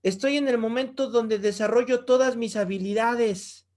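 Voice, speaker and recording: A man voicing an earnest young boy who calmly explains himself to his mother. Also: very high-pitched, normal speed, voice pushed up.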